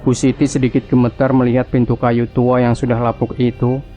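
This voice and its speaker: A man narrating a scripted horror story in a hushed, creeping, suspenseful manner. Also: mid-range voice, little pitch movement, fairly quick, dull audio, soft background music.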